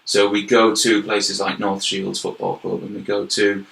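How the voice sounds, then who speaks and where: At a moderate pace, a young York man with a Yorkshire accent talks monotonously in a low, creaky, slightly bright voice. He's a guest in a casual interview, earnestly explaining his work as a health and wellbeing manager at length and often repeating words, recorded in an echoey space.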